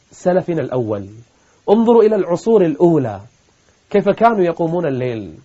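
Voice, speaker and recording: A man delivers a fervent sermon in a somewhat high voice, pushing hard on his key words. The recording is dull and lo-fi. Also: a little mellow. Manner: impassioned, rising to emphatic peaks. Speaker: preacher. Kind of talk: emotional sermon with Quranic recitation.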